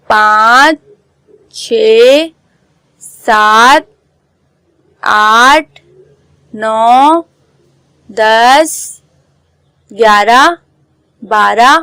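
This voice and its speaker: A woman school teacher giving an online class, spelling out words slowly letter by letter. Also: on the high side, pushed and bright, clean tone, dry recording, low-quality recording. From Pakistan. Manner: slow, careful letter-by-letter dictation.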